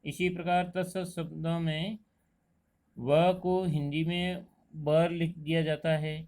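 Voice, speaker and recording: A man teaching a Hindi grammar lesson, explaining pronunciation slowly and deliberately and drawing out each example word. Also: fairly high pitch, little pitch movement, a little mellow. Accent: Rajasthani Hindi. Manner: slow, deliberate explanation, stretching out example words. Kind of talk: classroom lesson.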